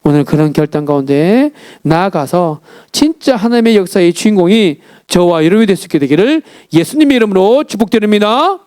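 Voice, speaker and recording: A man's voice: high-pitched, very animated, brisk, hardly any pauses, a little mellow, clean tone, no echo, studio quality. A male pastor preaching a sermon, telling a story with lots of questions to the congregation.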